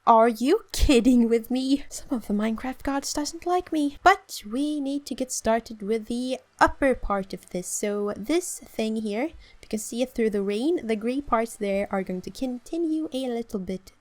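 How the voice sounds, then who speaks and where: A young gaming channel host from southern Sweden, with a southern Swedish accent, chats playfully through a casual let's-play, giggling often despite a slightly sore throat. Her voice is a little high and a little mellow, animated and unhurried, with hardly any pauses.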